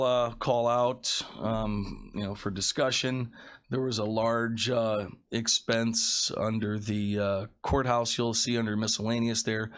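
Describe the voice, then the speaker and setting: Male facilities director, sick and gravelly, delivering a halting meeting report. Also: lowish voice. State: under the weather, feeling sick.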